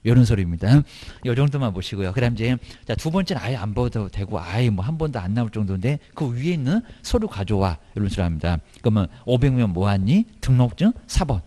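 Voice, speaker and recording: A man's voice: medium pitch, animated, quick pace, few pauses, mellow. A middle-aged man giving a recorded exam-prep lecture, chatty and colloquial, asking his students rhetorical questions.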